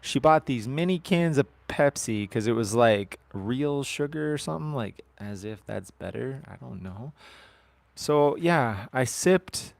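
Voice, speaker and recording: A man's voice: medium pitch, animated, measured pace, vocal fry, no room sound. A man in his thirties chatting casually on a live stream from his farm, rambling and joking with his viewers. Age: 30s. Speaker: livestream host.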